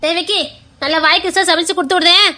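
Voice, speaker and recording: An actress playing a bossy, motherly elder sister-in-law, speaking with a Tirunelveli accent in a brisk, scolding way. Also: very high-pitched, steady tone, sharp tone. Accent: Tirunelveli Tamil. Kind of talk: web series acting.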